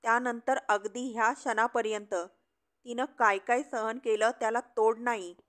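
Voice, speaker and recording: A woman's voice: fairly high pitch, fairly even intonation, moderate pace, fairly bright tone, close to an everyday voice. A woman reading the part of an elderly male schoolteacher who speaks solemnly and earnestly. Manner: solemn, pleading speech. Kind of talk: storybook reading.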